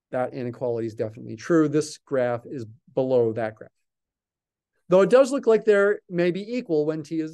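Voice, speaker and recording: An older man teaches a recorded calculus lesson, explaining step by step and thinking aloud while he writes. His voice sits a little high for a man, yet it is mellow and smooth. He talks into a desk mic in a small office. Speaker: math lecturer.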